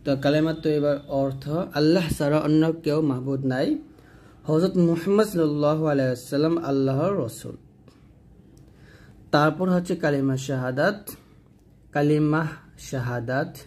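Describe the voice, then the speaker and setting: A man's voice: a little high, darkish tone. Chanting Bangladeshi male recitation teacher. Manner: chants phrases slowly, then explains in quick asides. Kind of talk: slow, drawn-out recitation lesson.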